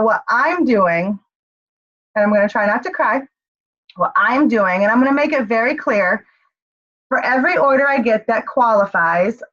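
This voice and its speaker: A woman's voice: a little high, fairly bright tone, lo-fi sound. A woman leading her team on a group call, upbeat and rallying, checking in often with "okay?". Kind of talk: motivational group call talk.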